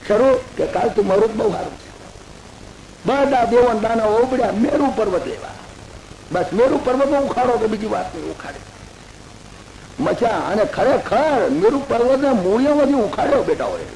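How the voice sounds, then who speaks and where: A man giving a religious discourse as a lively folk story, acting out the characters' lines. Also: high-pitched, moderate pace, vocal fry, roomy sound, a little hiss or hum, low-quality recording. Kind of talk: Bhagavata discourse retold in folksy everyday terms.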